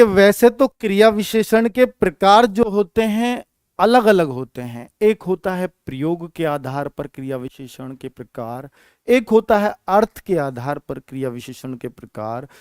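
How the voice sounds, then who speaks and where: A Hindi teacher gives an exam-prep grammar lesson in a high, animated, unhurried voice that is a little mellow and smooth. He calls his students children and often asks checking questions to make sure they follow. The recording is dry, with clean studio sound.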